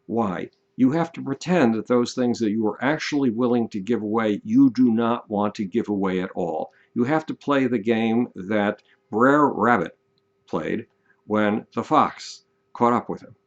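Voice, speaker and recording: An older man giving an emphatic, deliberate monologue, stretching out the words he wants to stress. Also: lowish voice. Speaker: commentator. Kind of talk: casual monologue to camera. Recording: dull lo-fi sound.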